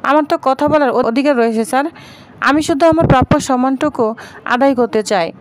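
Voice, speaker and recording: A woman's voice: high-pitched, quick pace, a little hiss or hum, lightly acted. A woman voicing a determined young woman who firmly and earnestly defends her honor. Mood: firm, pleading.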